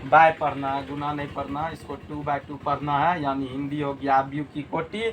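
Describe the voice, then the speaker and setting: A man's voice: a little high, little pitch movement, moderate pace, fairly bright tone, a little hiss or hum. A man teaching a math lesson, repeating key terms and asking rhetorical check questions. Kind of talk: classroom lesson.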